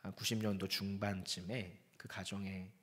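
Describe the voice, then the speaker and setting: A man's voice: low-pitched, flat delivery, moderate pace, fairly bright tone. A male pastor preaching a sermon, telling the story dramatically and often dropping to a whisper.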